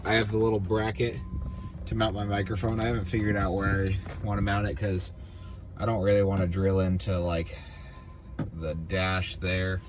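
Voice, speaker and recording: Wind and outdoor vehicle sounds run through this informal how-to, in which a lowish-voiced off-road vehicle vlogger walks through a vehicle install around a parked truck outside, conversationally thinking aloud.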